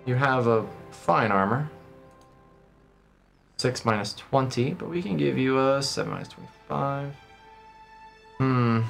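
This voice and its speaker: Over game music, a man streams a video game, moving between casual commentary and reading the game's text aloud. His voice is medium-pitched and a bit bright, with vocal fry.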